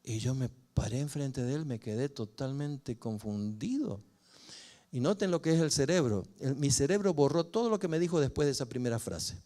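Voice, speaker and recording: An older man, a pastor telling a personal story in a sermon with expressive rises and falls. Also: medium pitch, normal speed. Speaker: pastor and family counselor.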